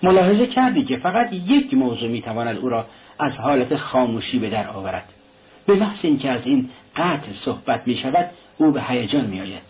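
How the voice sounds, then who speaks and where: A man voicing a calm male doctor who explains things in a low, measured way. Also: lightly acted. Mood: concerned. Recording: tinny lo-fi recording, faint hiss.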